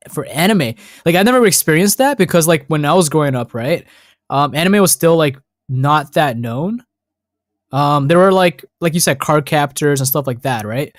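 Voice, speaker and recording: A man co-hosting a podcast, telling childhood stories in a loud, excitable way and swearing constantly. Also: fairly high pitch, no room sound, studio quality. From North America. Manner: excitable storytelling, heavy swearing. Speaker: podcast co-host. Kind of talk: casual podcast chat.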